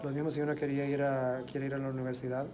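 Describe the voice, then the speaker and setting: Man, thoughtful pauses. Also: mid-range voice, level tone, crowd noise. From El Salvador. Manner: thoughtful, pausing with eh. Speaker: interviewee. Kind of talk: casual interview answers.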